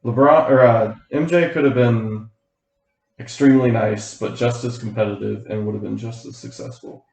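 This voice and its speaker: A young man co-hosting a podcast in casual chat, making his point in a measured, careful way. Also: mid-range voice, fairly even intonation, vocal fry, darkish tone. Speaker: podcast co-host. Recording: roomy echo.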